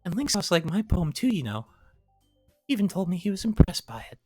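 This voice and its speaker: Yuri: a man putting on a soft, formal schoolgirl. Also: high voice, big pitch swings, faint music behind, voice pushed up. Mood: proud. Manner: soft, measured, formal phrasing. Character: shy, bookish, elegant teenage girl. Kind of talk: visual novel voice acting.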